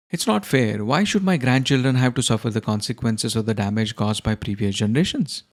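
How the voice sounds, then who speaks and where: A man playing a despairing, guilt-ridden older scientist and grandfather in an animated short, earnest and emphatic. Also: mid-range voice, lightly acted. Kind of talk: animated short film dialogue.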